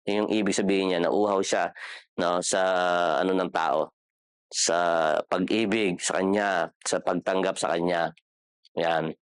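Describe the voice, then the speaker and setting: A man's voice: low-pitched, smooth, dry recording, studio quality. A man with a Filipino accent teaching a Bible class in a casual, chatty way, questioning his listeners and joking. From Philippines. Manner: chatty, asks the class questions, jokes, code-switches. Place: church classroom.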